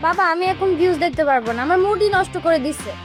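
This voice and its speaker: An actress playing a fed-up, hot-headed young daughter who complains indignantly. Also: female voice, extremely high pitch, expressive, rapid-fire, music in the background. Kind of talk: TV drama acting.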